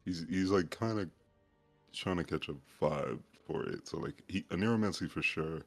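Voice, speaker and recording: A man with a very deep, heavy voice, chatting casually as a tabletop game player, haltingly searching for words. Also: soft background music.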